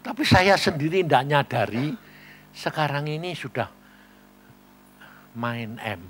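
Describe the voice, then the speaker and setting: A man preaching a sermon, telling stories and acting out conversations, swinging from quiet asides to loud emphasis. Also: on the high side, lively intonation, unhurried, breathy edge. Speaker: pastor.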